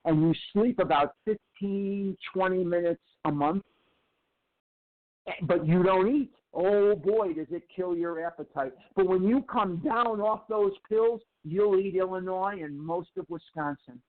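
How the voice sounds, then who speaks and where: A man in his sixties tells his own recovery story in a candid, emphatic way, circling back over phrases. His voice sits a little high for a man. The sound is narrow and tinny, as if heard down a phone line. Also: a little slow. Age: 60s. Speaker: recovery speaker. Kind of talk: personal recovery share.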